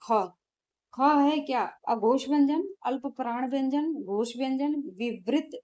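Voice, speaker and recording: A woman's voice: sits high, a little slow, warm tone. A woman teacher, going through exam questions in a lesson and answering her own questions.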